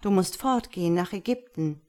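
A woman's voice: fairly low pitch, animated, normal speed, close to an everyday voice. A woman reading a fairy tale aloud and voicing a selfless, sad statue prince who speaks earnestly and insistently. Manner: earnest, insistent, softly commanding.

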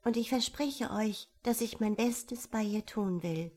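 A woman voicing a courteous, soft-hearted elder sister in a storybook reading. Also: a little high, unhurried. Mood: soothing. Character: gentle, sensible elder sister, tactful.

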